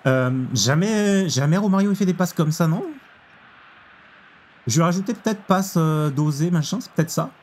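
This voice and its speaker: A young man commenting on his own football video game match, excitable, exclaiming and groaning at each play. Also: on the high side, normal speed. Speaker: gaming YouTuber. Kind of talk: live gameplay commentary.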